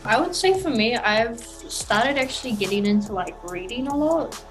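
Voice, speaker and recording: A woman's voice: on the high side, lively intonation, moderate pace, faint music behind. A young woman who grew up between New Zealand and Australia, a college basketball player answering interview questions casually with many fillers. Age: young adult.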